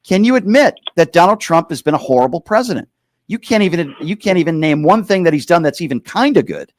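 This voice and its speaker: An American man hosts a heated political call-in show, arguing insistently, cutting in, and stressing key phrases with repeated pointed questions. His voice is a little high and animated, he talks fast, and the recording is dry.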